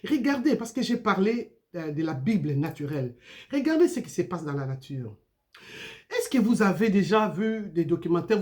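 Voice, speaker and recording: A woman giving an informal video sermon, animated and full of rhetorical questions. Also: lowish voice. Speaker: preacher.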